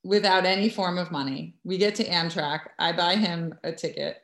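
Low-voiced woman telling a story. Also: normal speed, vocal fry. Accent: New York. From United States. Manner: animated, acts out quoted voices. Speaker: guest. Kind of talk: casual storytelling chat. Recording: echoey room.

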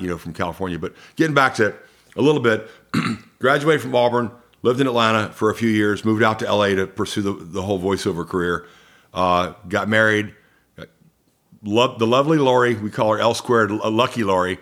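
Chatting casually as an interview guest, a sports announcer in his fifties from Columbus, Georgia, United States, talks with an American accent. His voice is on the low side with a fairly bright tone.

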